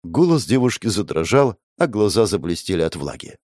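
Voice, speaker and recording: A man reading a first-person fantasy story aloud, expressive as he narrates. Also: deep voice, fairly quick, no echo, clean studio sound.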